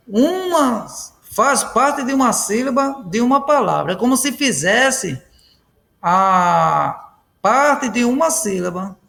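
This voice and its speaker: A man's voice: extremely high pitch, creaky, fairly bright tone. A man teaching a grammar lesson, repeating each point and checking in with his students. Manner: keeps checking in with "ok?" and "pessoal".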